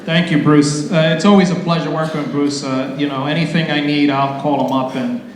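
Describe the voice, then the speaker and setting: A man's voice: fairly high pitch, steady tone, a little fast, noisy background. A man emceeing a community ceremony, reading award citations formally and adding loose, casual asides. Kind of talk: public ceremony speech. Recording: very echoey hall with long reverb.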